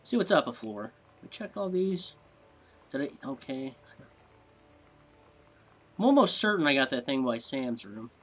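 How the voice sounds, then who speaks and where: A mid-range, sing-song voice moves at a measured pace with long pauses. The let's-play host, nose stuffy and sniffly, mumbles to himself and rambles in bewilderment over casual commentary at his desk mic.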